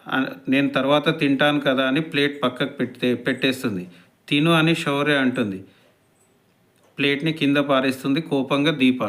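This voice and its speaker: A man's voice: medium pitch, fairly bright tone. A man retelling a TV serial episode, quoting each character's lines in a plain narrating voice.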